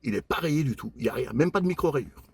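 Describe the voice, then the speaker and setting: Speaking at medium pitch in a husky voice with vocal fry, an older man presents his flea-market purchases item by item in a casual show-and-tell vlog. He's calm, pauses a lot, leans on fillers and chats warmly with viewers.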